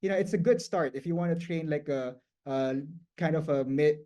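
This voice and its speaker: Delivering a guest lecture that explains a topic, a man whose first language is Tagalog speaks in a slightly high, warm voice. His manner is relaxed and conversational, with frequent restarts and pauses filled by "um" and "like."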